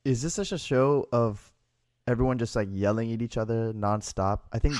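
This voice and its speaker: A man's voice: mid-range voice, moderate pace, darkish tone, no room sound, clean studio sound. A man hosting a podcast, asking questions in a casual, hesitant way with fillers. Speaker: podcast host. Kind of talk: casual chat.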